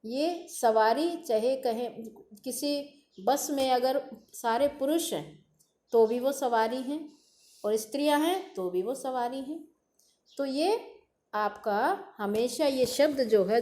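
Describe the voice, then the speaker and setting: Woman teacher going over grammar, slow and careful, bit high voice, echoey room. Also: expressive, mellow. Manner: slow, stresses and repeats word endings. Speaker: Hindi teacher. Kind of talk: grammar lesson.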